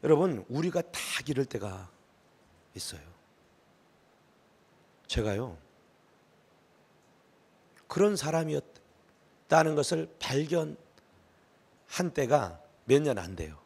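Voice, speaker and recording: A middle-aged male pastor preaching a sermon, emphatic, swinging from hushed asides to shouted pleading. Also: medium pitch, big pitch swings, slow pace, gravelly, pauses often, breathy edge.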